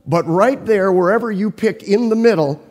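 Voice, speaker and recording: A man's voice: high voice, moderate pace, darkish tone, in a large hall. A man preaching a sermon, telling a personal story in a conversational way and asking his listeners questions. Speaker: pastor.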